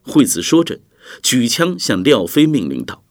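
Male storyteller, expressive narration, lively intonation, music playing behind. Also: medium pitch, moderate pace, no echo. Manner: vivid, expressive reading. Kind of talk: dramatic audiobook narration.

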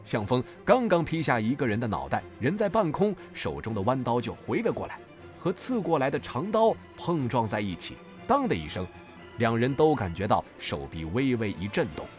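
A man's voice: medium pitch, sing-song, moderate pace, soft background music. A man narrating a martial story dramatically, rising in the action scenes.

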